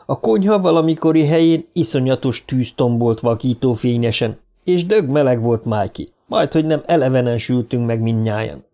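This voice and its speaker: A man narrating an audiobook in a measured, first-person storytelling manner. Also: mid-range voice, dark tone.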